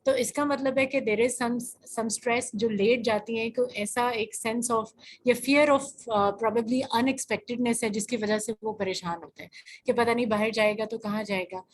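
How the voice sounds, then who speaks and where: A woman specialist answering a parent's questions in a webinar, calm and advising, mixing in English phrases. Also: on the high side, slight background noise.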